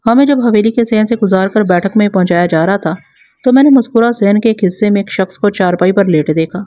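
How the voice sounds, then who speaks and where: A woman narrating a suspense story in a measured, even storytelling manner. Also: medium pitch, no room sound.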